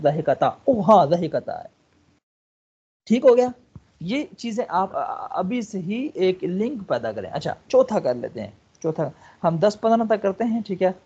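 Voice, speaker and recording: Guy tutoring online, slow patient explaining, keeps checking you got it, husky mellow voice, muffled lo-fi sound. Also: high-pitched. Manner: coaxing, repeats words and checks understanding. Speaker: online Arabic teacher.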